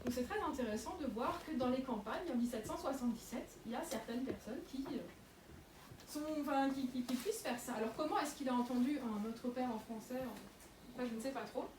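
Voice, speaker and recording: A woman's voice: sits high, a little fast. A young woman giving a public lecture in a museum, talking with many fillers and restarts. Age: young adult. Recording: echoey room, mic far off, noisy.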